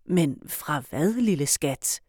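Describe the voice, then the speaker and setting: A woman voicing a kind old grandfather in a storybook reading, speaking calmly and gently, low and unhurried. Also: breathy edge, no room sound, studio quality. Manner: calm, gentle.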